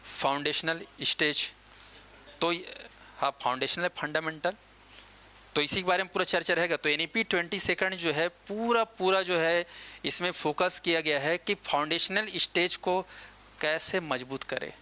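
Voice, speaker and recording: Male exam-coaching teacher, bright and crisp, chatty, quizzes then answers himself. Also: a little high, fairly even intonation. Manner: quizzing students with quick questions and answering them himself; slows down to dictate key dates and terms. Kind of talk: classroom lecture.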